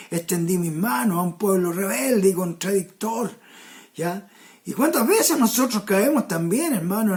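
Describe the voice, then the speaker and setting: A woman's voice: lowish voice, darkish tone. A woman preaching a sermon to a congregation, checking in with them often and restarting her phrases. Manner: slow, repeats "¿ya?" and "hermano" to the congregation; restarts and repeated words.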